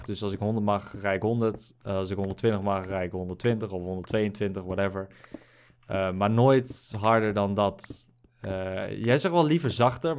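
This is a young man, chatting casually over a game session. His voice sits fairly low. He is prone to sudden loud, excited outbursts and rough language. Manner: bursts into loud excited shouting at finds, swears freely. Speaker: gamer. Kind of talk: casual gaming chat.

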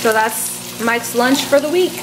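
In her home kitchen, a twentysomething vlogger explains each step of her cooking to a handheld camera held close. Her voice is fairly high and unhurried, with background noise present.

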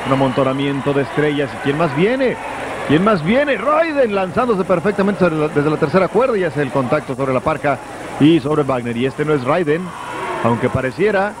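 A man's voice: a little high, expressive, a little fast. A male wrestling commentator with a Mexican accent calls live lucha libre play-by-play in a conversational, descriptive way. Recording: noisy old VHS broadcast of arena event. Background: noisy wrestling arena.

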